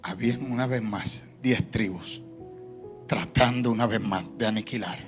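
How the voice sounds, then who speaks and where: A male pastor preaching a sermon in a church, shifting between soft low asides and loud emphatic lines. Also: moderate pace, soft background music. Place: church sanctuary.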